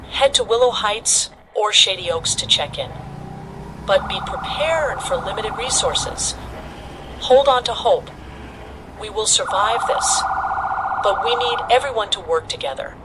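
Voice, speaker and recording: An actress playing an earnest community leader making urgent appeals in a post-apocalyptic radio broadcast. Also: female voice, mid-range voice, very animated, measured pace, background noise.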